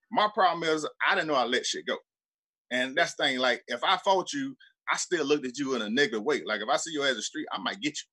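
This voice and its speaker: A man from Birmingham, Alabama with a Southern accent, a former football player telling loose, profane stories as a guest on a sports talk show. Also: a little high. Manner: animated, profane, loose storytelling with lots of "like".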